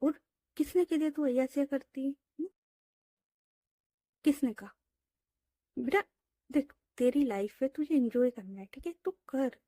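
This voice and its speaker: A woman voicing Vidhi, an affectionate young woman who comforts and coaxes her friend with gentle questions. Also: sits high, measured pace, pauses often, dry recording. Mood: reassuring. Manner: comforting, coaxing with tag questions.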